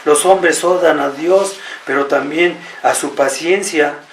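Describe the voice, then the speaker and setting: A man's voice: on the high side, slow pace, creaky, slight background noise. A man with a Mexican Spanish accent preaching a sermon in an earnest, repetitive way and often turning to address the congregation directly. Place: church hall. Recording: roomy echo, from far off, faint ambience.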